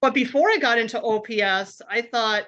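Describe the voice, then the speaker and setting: A woman's voice: on the high side, moderate pace, fairly bright tone, highs cut off. A woman co-hosting a podcast chat, hesitant, repeating words as she thinks aloud. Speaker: podcast co-host. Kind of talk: casual panel chat.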